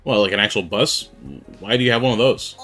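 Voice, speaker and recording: A man's voice: on the low side, brisk, pushed and bright, faint music behind. A man voicing a theatrical, upbeat young student soldier who talks in a grandiose, old-fashioned way. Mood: proud.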